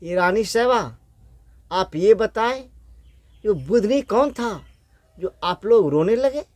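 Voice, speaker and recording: A man's voice: sits high, lively intonation, slow, a little mellow, no echo. A man doing Birbal, a clever court minister. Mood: questioning. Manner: questioning, scolding.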